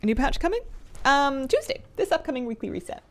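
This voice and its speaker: Playful woman streamer with lively pitch. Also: quick pace. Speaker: game livestreamer. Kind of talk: casual livestream chat with viewers while gaming.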